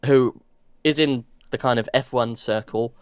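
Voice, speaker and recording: A man's voice: medium pitch, fairly even intonation, unhurried, smooth, no echo. A man co-hosting a casual racing podcast, jokey and playful, swearing now and then. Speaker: podcast co-host.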